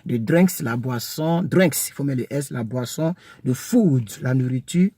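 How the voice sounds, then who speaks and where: A man teaching English words to French speakers in a casual lesson, repeating each word slowly and chatting with many fillers. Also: mid-range voice, expressive, warm tone, breathy edge, dry recording. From French-speaking country.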